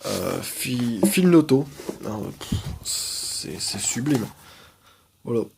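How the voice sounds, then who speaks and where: A man's voice: mid-range voice, animated, extremely slow, gravelly, background noise. A young man casually reviewing his comics collection, enthusiastic, with frequent hesitations and fillers.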